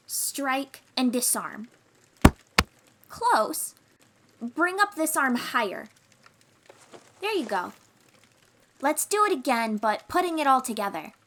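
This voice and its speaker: In an audio roleplay, a woman with a high voice puts on a full character voice to play a young, protective sea-dweller warrior. She speaks directly to the listener, encouraging and gently teasing.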